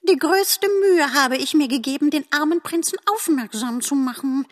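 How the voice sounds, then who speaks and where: A woman voicing a small, excitable squirrel in a storybook, talking in breathless exclamations. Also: sits high, normal speed, long reverb tail, voice pushed up, natural voice. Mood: agitated.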